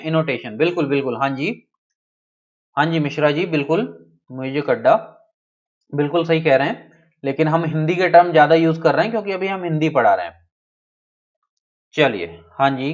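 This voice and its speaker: Man teaching a live online class, dull sound. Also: fairly high pitch. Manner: checks in often, reads out student names.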